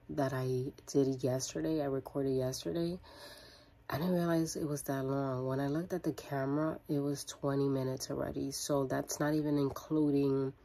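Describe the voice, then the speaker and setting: A woman in her thirties vlogs at home in a small room, rambling casually into her phone's front camera held close to her face. Her voice is low, creaky, and warm, and she chats while thinking aloud.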